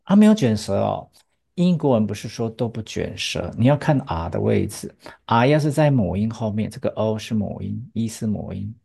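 A woman teaching English pronunciation in a patient, lively way, her pitch bouncing as she explains and drills words with a student. Her voice has a slightly gravelly edge. She keeps asking quick checking questions. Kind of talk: bilingual English pronunciation lesson.

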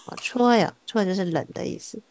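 A woman teaching a Korean class over a video call, patient and encouraging, sounding words out slowly and repeating them. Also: medium pitch, a little mellow, slight background noise. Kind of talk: online language lesson.

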